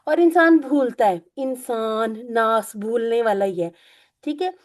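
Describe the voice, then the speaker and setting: A woman teacher leading an online Quran and Arabic class, explaining gently and repeating points. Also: fairly high pitch, a little slow. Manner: gentle, repetitive teaching with religious phrases. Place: online video call.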